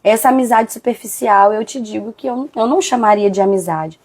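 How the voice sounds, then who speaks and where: A woman hosting a live devotional talk, chatty and animated, acting out quoted friends. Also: a little high, brisk, breathy edge.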